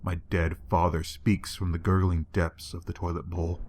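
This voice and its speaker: A man reading a horror story aloud in a measured, grim way. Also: low-pitched, flat delivery, darkish tone, slight background noise. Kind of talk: scripted horror narration.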